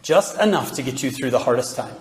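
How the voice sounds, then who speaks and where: A man giving a lively devotional talk to young people and peppering them with rhetorical questions. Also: mid-range voice, a little fast. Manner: animated, asks the audience many rhetorical questions. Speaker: religious speaker addressing youth. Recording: roomy hall with long reverb.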